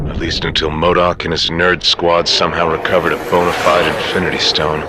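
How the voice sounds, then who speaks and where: An actor playing a wry, weary covert soldier making a matter-of-fact radio report in a video game. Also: male voice, sits low. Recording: very noisy radio broadcast.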